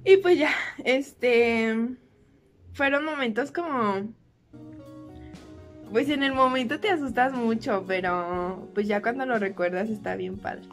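A young woman with a Mexican Spanish accent tells a storytime vlog in a fairly high voice. She's animated and laughs often, slipping into squealed impressions of the people in her story. Soft music plays faintly behind her. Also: slow pace, pauses often. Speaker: vlogger.

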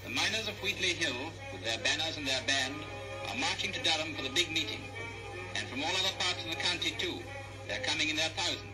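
A man's voice from an old 1930s newsreel soundtrack, narrating in a loud, declaiming announcer style. He pitches his voice a little higher than most men, and marching band music plays clearly behind him. The sound is distant, as if he is standing back from the microphone. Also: animated, brisk.

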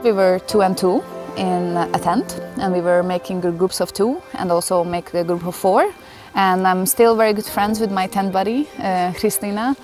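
This is an outdoor forest interview in which a young Hungarian woman recounts her own story in English at a moderate pace. Her mid-pitched voice is earnest, emotional and peppered with fillers over a clear bed of music.

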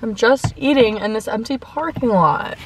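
A woman's voice: fairly high pitch, lively intonation, moderate pace, a little hiss or hum. A young woman telling a story in casual chat between bites of food, peppering her talk with "like", recorded in a parked car. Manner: chatty, heavy use of "like", talks between bites. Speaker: mukbang vlogger. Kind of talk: casual storytime while eating. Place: parked car in a parking lot.

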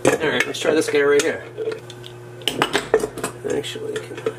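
Working indoors at a wooden workbench or on the floor, a hobbyist with a fairly high voice talks through a workshop project in a casual how-to style, unhurried and fairly even in intonation. He mutters to himself and makes wry jokes about his mistakes, the camera framed on his hands, with heavy background noise.

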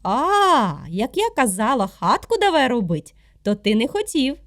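A stubborn little calf from a storybook tale, scolding in a raised, sing-song voice that jumps about in pitch, as a woman reader puts it on. Small, indignant and a bit self-righteous. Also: big pitch swings, measured pace, a bit bright, exaggerated voice.

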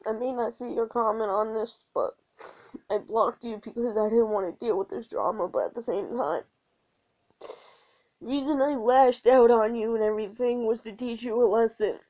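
A young woman with a fairly high voice speaks straight to one person in an emotional video message. She is earnest and halting, with many restarts. The sound is dull and lo-fi. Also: warm tone. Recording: dull lo-fi recording.

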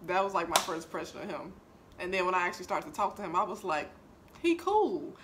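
A young woman chatting playfully with her best friend at home, telling stories with animated, expressive delivery. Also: on the low side, quick pace, background noise. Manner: chatty, playful, lively storytelling. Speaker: vlogger. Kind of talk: casual chat. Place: apartment.

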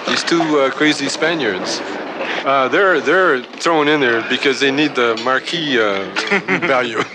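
A male actor talking in a relaxed, rambling way in a casual interview, laughing now and then. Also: medium pitch, a little slow, noisy background. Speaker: actor in the film.

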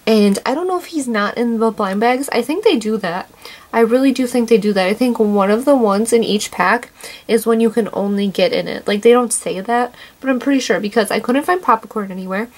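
A young woman hosting a casual toy unboxing, gushing and excitable, always saying how cute things are. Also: fairly high pitch, brisk.

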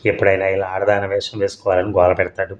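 Man voicing an elderly mother-in-law, remorseful, pleading, storybook reading, deep flat voice. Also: fast, lightly acted. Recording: dull lo-fi audio.

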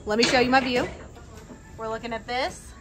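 A woman filming a family vlog at a cabin, playful and quick to tease. Her voice sits a touch on the high side. Background noise hangs under the whole recording. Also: fairly even intonation. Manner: playful, teasing. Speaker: family vlogger. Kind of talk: casual vlog chat. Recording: noisy background.

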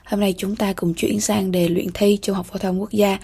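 Vietnamese woman teacher, slow and methodical, husky gravelly voice. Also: medium pitch, level tone, warm tone. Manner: slow, methodical, repeats key words with frequent "ok ha". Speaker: English teacher. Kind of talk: bilingual exam-prep lesson.

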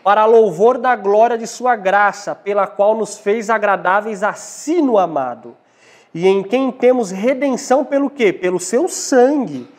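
A young adult Brazilian preacher with a high voice gives a Bible teaching sermon with scripture reading as a lecture at a church congress. Standing at a lectern in a small indoor church hall, he teaches didactically and pauses to question his listeners. He wears a lapel mic.

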